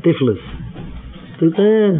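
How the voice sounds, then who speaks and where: A man's voice: high-pitched, sing-song, takes it slowly, soft background music. Man preaching over a tinny line. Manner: repeats phrases over and over, exhorting. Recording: tinny phone-like radio recording.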